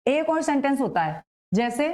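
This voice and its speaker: A woman's voice: high-pitched, very animated, moderate pace, a little mellow, rough recording. A woman teacher giving an exam-prep grammar lesson, explaining patiently and asking and answering her own questions.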